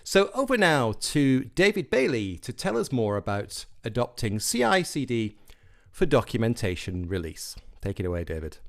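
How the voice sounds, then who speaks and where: A male event host introduces the next speaker over a video call. His pitch moves around expressively as he speaks. He sets up the talk and hands over to the presenter. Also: very animated, normal speed, gravelly.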